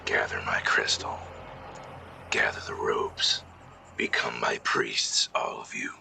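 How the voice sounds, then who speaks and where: A man voicing a menacing otherworldly god in whispered role-play, commanding in a slow breathy whisper. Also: very deep voice, flat delivery, sharp tone, voice pushed down, exaggerated voice. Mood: commanding, ominous. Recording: noisy, crickets chirping behind.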